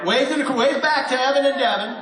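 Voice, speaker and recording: Talking fast in a very high voice, a man hosts a live radio theater show and playfully coaxes the crowd, kidding around while drilling them on their cue cards. It's warm-up talk recorded in an echoey hall, with audience noise and applause behind him.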